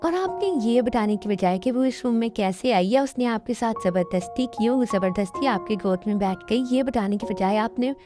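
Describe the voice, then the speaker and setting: A woman's voice: a little high, lively intonation, normal speed, hardly any pauses, over music, lightly acted. A woman voicing a young pregnant wife who reproaches her husband in a fan-dubbed drama. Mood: reproachful. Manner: reproachful, hurt. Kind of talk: Hindi fan dub drama.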